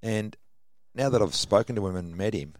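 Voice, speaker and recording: A man's voice: lowish voice, normal speed, a little mellow, no echo, clean studio sound. An Australian man chatting casually about sport as a radio co-host.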